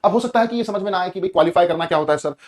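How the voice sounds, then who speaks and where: Quick-talking Hindi-accented male teacher. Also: high voice. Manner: energetic, repeats key words to students. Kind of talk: online exam-prep grammar lesson.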